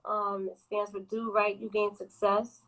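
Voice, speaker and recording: A woman, talking casually about her clothing brand on a phone call from her office, pausing often with ums. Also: medium pitch. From New York. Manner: relaxed, hesitant, many ums. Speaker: guest, clothing brand owner. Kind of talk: casual interview on a live video call.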